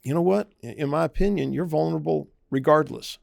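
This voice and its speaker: A man's voice: fairly high pitch, fairly quick, vocal fry, a little mellow, no room sound, clean studio sound. A man, a private investigator, talking through safety tips in a conversational podcast interview, often acting out quoted voices. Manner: conversational, acts out quoted voices, emphatic warnings.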